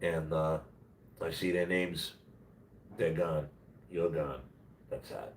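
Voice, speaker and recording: A man's voice: extremely low pitch, fairly even intonation, slow, a little hiss or hum. A man hosting a casual livestream from home, talking bluntly and slangily in a congested, nasal, worn-out voice while under the weather. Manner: blunt, slangy, plain-spoken. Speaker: live stream host. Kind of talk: casual rambling livestream chat. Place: at home, roomy-sounding indoor space. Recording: echoey room, distant mic.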